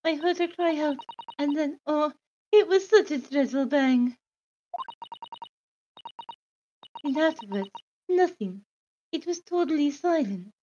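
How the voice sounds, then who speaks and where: A woman voicing a nervous female passenger in a mystery game, speaking in a put-on Russian accent with a hesitant, halting manner. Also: high voice, animated, mellow, lo-fi sound, a little hiss or hum. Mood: distressed.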